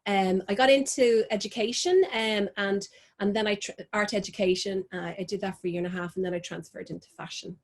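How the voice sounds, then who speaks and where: A woman's voice: mid-range voice, fairly even intonation, fairly quick. An Irish woman in her forties, a fashion designer talking as a guest over a video call, chatty with many ums, restarts and laughs. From Ireland.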